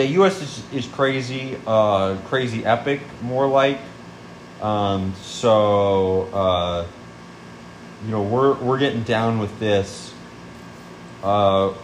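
Laid-back young man, echoey room. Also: on the low side. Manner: rambling, laid-back, full of fillers. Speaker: podcast co-host. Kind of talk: casual chat. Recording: echoey room with faint noise.

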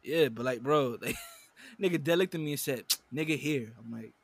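A man's voice: mid-range voice, a little fast, gravelly. A young man co-hosting a casual podcast chat, laid-back and laughing as he tells stories. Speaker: podcast co-host.

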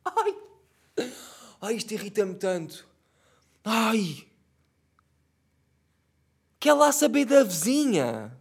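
A man's voice: high-pitched, very animated, slow, pauses often, slightly rough. A young man with a European Portuguese accent, ranting profanely and comically in a casual monologue.

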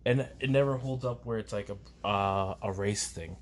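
A man's voice: on the low side, moderate pace, a little hiss or hum. A man co-hosting a casual faith and parenting conversation, talking earnestly and reflectively, often restarting his sentences. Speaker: podcast co-host, parent.

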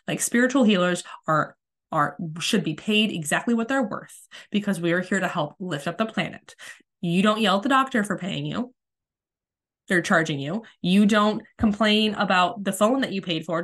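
Woman, spiritual mentor hosting her own podcast, candid and rambling, mid-pitched voice, peppers her talk with "like". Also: fairly bright tone. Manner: candid and rambling, frequent "like" and swearing. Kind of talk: casual podcast monologue.

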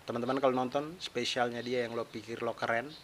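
Brisk and fairly bright, the medium-pitched voice of a young adult man with little pitch movement carries his chatty, self-mocking solo podcast. He's a stand-up comedian from East Nusa Tenggara, Indonesia, with a mixed eastern Indonesian accent, and the recording has faint hiss.

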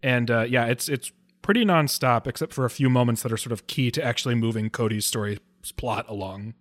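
A man with a medium-pitched voice co-hosts a recap podcast. His delivery is casual and conversational. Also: brisk. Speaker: podcast co-host. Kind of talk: casual episode recap chat.

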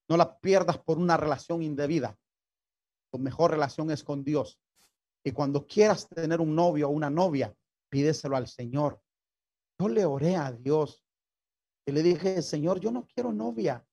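An older man delivers a sermon to young people. His voice sits a little high for a man. He tells his story earnestly, restarting phrases and turning often to his listeners as brother and sister. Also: darkish tone. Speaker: pastor. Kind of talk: sermon to youth.

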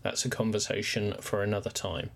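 A man's voice: on the low side, flat delivery, brisk, gravelly. A man with an English West Country accent talking alone as a podcast host, explaining things to listeners. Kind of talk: solo podcast talk, explanatory.

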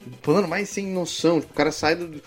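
A man's voice: fairly high pitch, fairly even intonation, quick pace, faint music behind. A man co-hosting a podcast, talking through a film in a rambling, slangy, profane way and laughing often. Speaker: podcast co-host. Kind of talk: casual film-review chat.

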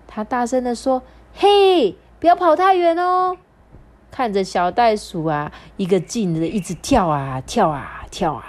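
A young woman reads a children's story aloud to young listeners. Her voice sits at an ordinary pitch, and her delivery is playful and animated, with long, drawn-out endings on her sentences. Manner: playful and animated, drawing out sentence-final particles. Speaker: storyteller host.

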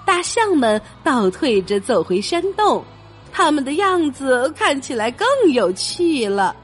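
A woman reading a picture book aloud for children in an expressive storytelling way. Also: high voice, a little slow, soft background music.

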